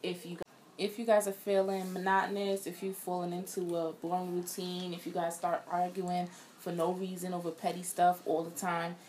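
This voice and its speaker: A young woman co-hosting a podcast, giving relaxed, thoughtful relationship views in casual chat. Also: on the low side, moderate pace, slight background noise. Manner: relaxed, reflective advice-giving. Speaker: podcast co-host.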